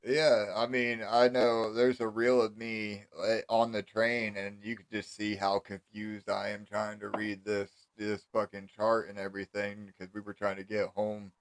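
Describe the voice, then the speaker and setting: A man's voice: lowish voice, level tone, a little slow, hardly any pauses. A man with an American accent hosting a casual, informal interview and chatting conversationally. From United States. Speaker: interviewer, host. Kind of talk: casual chat.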